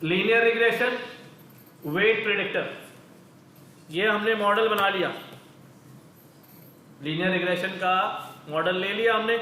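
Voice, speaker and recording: A man's voice: sits high, sharp tone, echoey room, a little hiss or hum, poor audio. A male teacher leading a coding lecture in a casual, conversational way, asking questions and then answering them himself. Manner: conversational, calls listeners brother.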